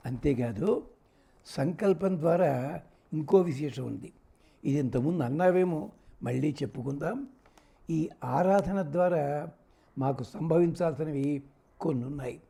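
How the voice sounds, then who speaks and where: An older man, teaching and slowly chanting Vedic verses, then explaining them in plain conversational talk. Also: fairly high pitch, creaky, dark tone, slightly rough.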